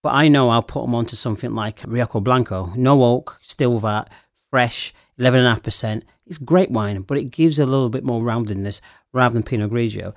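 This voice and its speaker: A man's voice: medium pitch, brisk, no room sound, studio quality. A man explaining wine with enthusiasm in a casual panel chat. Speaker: wine expert guest.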